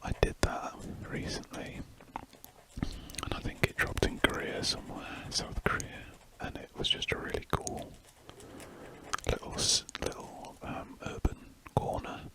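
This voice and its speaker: A drawing-focused ASMR host whispers softly without voicing, right up against the mic, rambling and correcting themselves as they draw. The pace is a little slow and the audio quality is poor.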